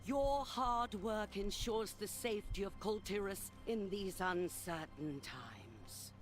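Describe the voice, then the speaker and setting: A stern company boss from a video game, making a slow, formal announcement. Her pitch rises and falls with a lot of movement. Soft game music plays behind her. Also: lively intonation.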